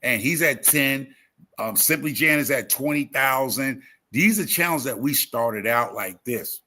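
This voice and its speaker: Unhurried and sharp-toned, with a medium pitch, a fifties-aged man hosts a livestream as a YouTube gardening creator. He's talkative and casual, stressing his points and repeating phrases as he shares motivational stories.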